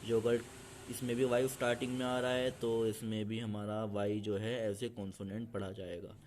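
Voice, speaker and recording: A man gives a slow, patient grammar lesson, going over each point twice. His voice sits fairly low. A faint hiss runs under the recording. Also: little pitch movement, a little mellow. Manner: patient, repeats each point in two languages. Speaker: English teacher.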